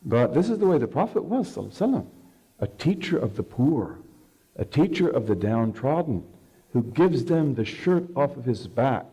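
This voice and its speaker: A man's voice: mid-range voice, big pitch swings, a little fast, warm tone, slightly rough. A man giving a religious lecture, telling stories and checking in with the audience with a conversational "okay". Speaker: Islamic scholar lecturing.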